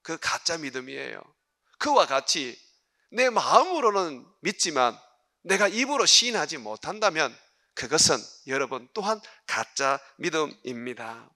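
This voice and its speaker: A man's voice: on the high side, big pitch swings, measured pace, sharp tone. A man preaching a sermon as pastor, asking the congregation emphatic rhetorical questions and voicing quoted speech in vivid asides. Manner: quotes others' words in dramatic asides.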